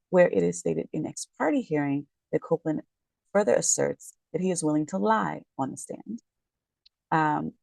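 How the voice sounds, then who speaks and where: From home late at night, a woman who works in real estate and gives legal commentary talks informally about a court case in a tired, worn voice, rambling and apologetically correcting herself. Her low-pitched voice has vocal fry and a slightly mellow quality, recorded dry.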